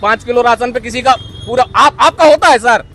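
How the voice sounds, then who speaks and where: A man, a social activist, arguing loudly and combatively in an outdoor street interview. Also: very high voice. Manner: loud, combative, rapid-fire accusations.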